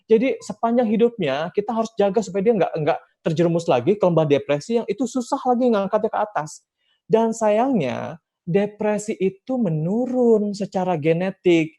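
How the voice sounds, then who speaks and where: Talking to parents and teachers in an educational setting, this Indonesian-accented man has a high-sitting, mellow voice with lively intonation and normal speed. He stresses his points, throws out rhetorical questions, and acts out short quotes.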